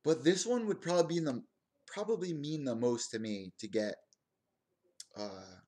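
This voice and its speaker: A man in his twenties hosts a solo stream, talking directly to his audience in casual commentary. He rambles excitedly from aside to aside before circling back to his point, speaking at a moderate pace in an ordinary mid-range male pitch.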